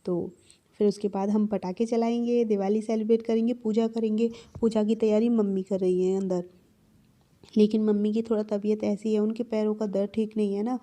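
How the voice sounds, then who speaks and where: A woman's voice: medium pitch, warm tone. A young woman narrating her family's festival day in a chatty, affectionate way, laughing now and then. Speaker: vlogger. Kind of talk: casual festival vlog narration.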